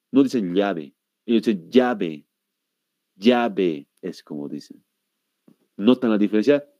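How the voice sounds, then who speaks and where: A man with a Bolivian Spanish accent gives a classroom lecture, asking the class questions and answering them himself, and repeating words slowly to show how they are said. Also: medium pitch, dark tone, no room sound, muffled recording. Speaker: teacher.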